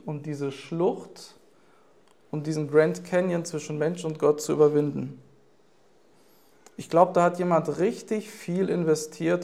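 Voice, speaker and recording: A man giving a sermon in a slightly higher voice. He speaks earnestly and sometimes stops to search for the right words. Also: gravelly, warm tone. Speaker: preacher.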